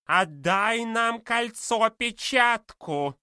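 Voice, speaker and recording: A man doing a slow, sharp villainous rat. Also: very high voice, animated, smooth, no echo, clean studio sound, pitched above the performer's own voice, heavily acted. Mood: menacing. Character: greedy, shrieking female rat, villainous.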